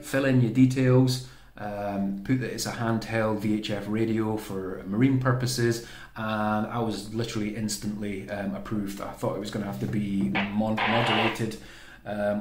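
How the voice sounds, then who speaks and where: A British man in his 30s or 40s, host of a how-to sailing channel, gives a casual, unscripted tutorial and often corrects himself while explaining. His voice is lowish and a little mellow, with slight background noise. He's indoors in a small home kitchen or room, and the recording sounds roomy and echoey.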